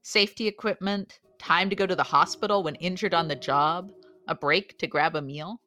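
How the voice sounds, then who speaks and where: A woman's voice: fairly low pitch, normal speed, pushed and bright. A woman reporting in scripted podcast narration. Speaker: podcast reporter, campaigns manager.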